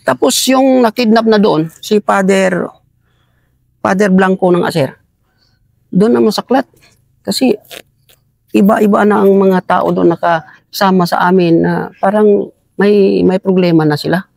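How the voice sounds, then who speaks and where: A man's voice: sits high, unhurried, vocal fry, long pauses, a little mellow, dry recording. A man recounting past events to an interviewer, earnest and emphatic, often angry, calling him sir again and again. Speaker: interviewee, militia member. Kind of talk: conversational testimony.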